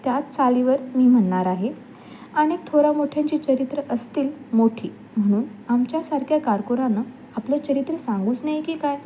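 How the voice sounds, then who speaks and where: A woman's voice: high voice, animated, moderate pace, dark tone, slight background noise, poor audio. A woman reading a humorous novel aloud as an audiobook, telling the story expressively and acting out the voices of quoted relatives. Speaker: reader of a novel.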